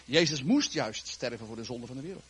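A man preaching a sermon to his congregation, retelling a Bible story in a lively, joking way with a raspy voice. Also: mid-range voice, brisk.

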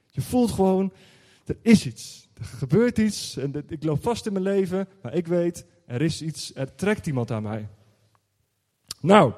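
Middle-aged male preacher, chatty sermon delivery, higher-pitched but mellow voice. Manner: conversational preaching with rhetorical questions. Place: church hall. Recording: long hall reverb.

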